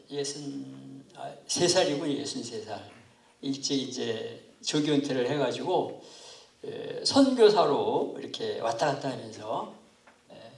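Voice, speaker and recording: Man, 70s, pastor lecturing, gravelly, halting and polite, distant mic, echoey room. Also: medium pitch, fairly bright tone. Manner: unhurried, halting, polite formal speech. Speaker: pastor teaching a missions class. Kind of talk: lecture to lay ministry students.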